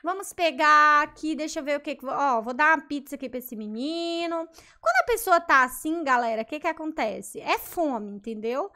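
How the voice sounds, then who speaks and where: A woman with a Brazilian Portuguese accent giving excited, casual commentary on her Roblox gameplay, gasping often and reading other players' chat aloud. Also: high voice, normal speed.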